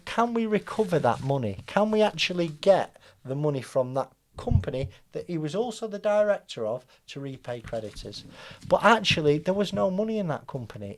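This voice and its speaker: Speaking with a British accent, a man explains business advice casually, regularly checking in with "right?" or "okay?". His voice sits on the high side and has a darkish tone.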